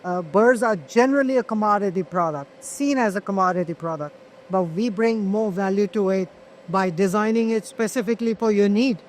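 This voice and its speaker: Male company representative in an interview, high voice, hesitant product explanations, recorded on location with audible noise. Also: fairly quick. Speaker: manufacturer representative being interviewed. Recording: clear ambient noise on location.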